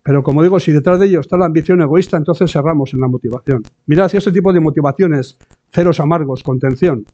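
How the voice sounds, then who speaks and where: A preacher with a slightly high, dark-toned voice gives a conversational church sermon at a fast clip. He often tacks on tag questions and acts out the voices of people he quotes, and the recording sounds dull and lo-fi.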